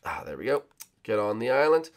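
Man, game role-play, casual, bossy, animated pitch. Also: fairly quick. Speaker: gamer performing a role-play.

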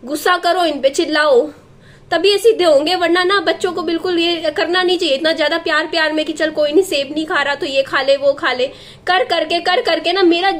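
High-voiced young mother vlogging at home. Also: fairly bright tone. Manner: scolding yet coaxing, talks to child and viewers. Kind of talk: casual home vlog chat.

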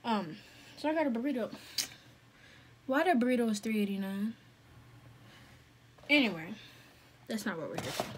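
A woman's voice: on the high side, moderate pace, pauses often. A woman chatting casually through a mukbang vlog, talking while she eats with her mouth full. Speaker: food vlogger. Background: faint fan hum.

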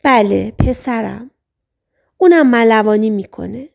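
A woman narrator reads a hypnotized patient reliving a sailor's life, speaking in short, halting, trance-like phrases. The voice sits fairly high with a gravelly fry in it. Audiobook reading. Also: a little mellow. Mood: plain.

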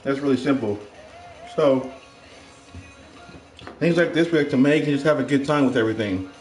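A man's voice: mid-range voice, moderate pace, darkish tone, echoey room. A middle-aged man hosts a casual cooking demo in his home kitchen, upbeat and chatty. His mid-range voice rings off the hard kitchen walls. Faint music plays behind him. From Ohio. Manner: upbeat, chatty, addresses viewers as guys. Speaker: cooking show host. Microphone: far camera.

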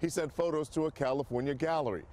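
A man reporting a news story in a measured, scripted narration style. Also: on the high side. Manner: measured, even reporting delivery.

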